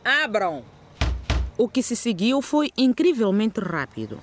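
A woman's voice: medium pitch, big pitch swings, normal speed, darkish tone, a little hiss or hum. A woman narrating a scripted dramatic story as its storyteller.

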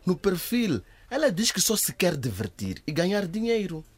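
A man's voice: sits high, very animated, moderate pace, slightly rough, heavily acted. An actor playing a confident, knowing male IT investigator explaining findings in a radio drama. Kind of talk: scripted radio drama acting.

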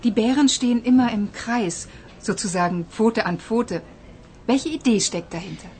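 A woman's voice: fairly high pitch, moderate pace, darkish tone, slight background noise, natural voice. A woman playing a friendly radio reporter in a scripted language-course dialogue. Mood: polite, inquiring. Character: friendly female radio reporter interviewing a spokesperson. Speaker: radio interviewer.

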